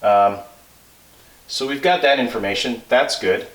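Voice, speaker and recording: A man giving an informal technical explanation, working through figures aloud in a halting, self-checking way. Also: mid-range voice, a bit bright. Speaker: instructor. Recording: roomy echo, distant microphone.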